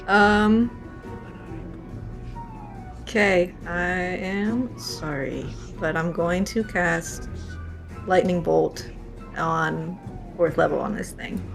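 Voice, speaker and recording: A woman's voice: on the low side, very slow, vocal fry, pauses often, over music. A woman player in a tabletop game, talking through her moves with hesitant fillers. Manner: hesitant, thinks aloud.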